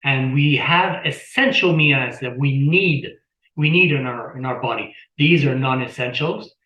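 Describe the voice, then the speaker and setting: A man's voice: medium pitch, normal speed, reverberant, dull audio. A man chatting as an interview guest on a video call, rambling, repeating words and telling anecdotes. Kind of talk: casual explanatory talk.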